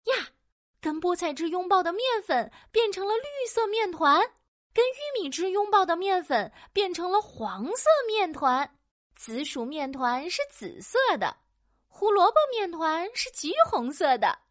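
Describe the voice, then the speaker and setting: A woman narrating a children's audio story in a playful, animated way with sound-effect words. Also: very high voice, unhurried, no room sound, clean studio sound.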